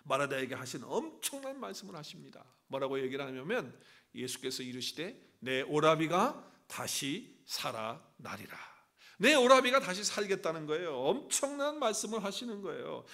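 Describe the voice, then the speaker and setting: A man preaching in a church, his voice a little higher than most and swinging widely as he tells the story. He keeps asking the congregation questions and answering them himself, in an animated preaching manner. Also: brisk, gravelly. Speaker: pastor. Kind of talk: sermon.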